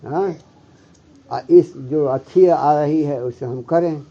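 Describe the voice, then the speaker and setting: A man giving a devotional sermon as a Sufi spiritual guide, often stopping to check with his listeners and slowly reciting Arabic scripture. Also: fairly high pitch, mellow. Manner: keeps checking with listeners, "hmm?". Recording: muffled lo-fi recording.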